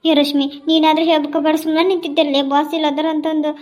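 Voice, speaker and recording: A woman voicing Radha, a chatty young office worker who talks too much, with a North Karnataka accent and rapid gossipy chatter. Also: sits high, level tone, a little mellow, close to an everyday voice. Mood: grumbling. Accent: North Karnataka Kannada.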